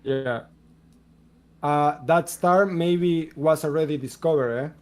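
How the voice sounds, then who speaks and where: A man with a Spanish accent explains things in a relaxed voice-chat Q&A. His voice is clear and smooth, sitting a little high for a man. He laughs easily between points. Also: takes it slowly. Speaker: game developer answering questions. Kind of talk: casual voice-chat Q&A.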